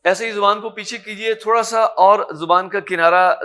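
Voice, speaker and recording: A man with a Pakistani Urdu accent and a somewhat high voice teaches a tajweed lesson in a lecture room. He explains patiently and stretches out each Arabic letter slowly and loudly. His manner stays calm and encouraging. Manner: sounds out Arabic letters slowly, drawn-out and loud. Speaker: Quran recitation teacher.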